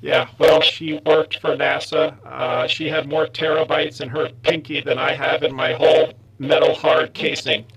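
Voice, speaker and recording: A man improvising a heartbroken wine-snob robot with a deadpan mechanical monotone. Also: fairly high pitch, unhurried, gravelly, hardly any pauses, heavily acted, low-quality recording. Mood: mopey. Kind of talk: improv comedy on a talk show.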